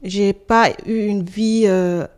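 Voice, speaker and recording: A woman around forty from Senegal, answering interview questions in a hesitant, soft-spoken way with many pauses. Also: mid-range voice, fairly even intonation. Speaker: guest.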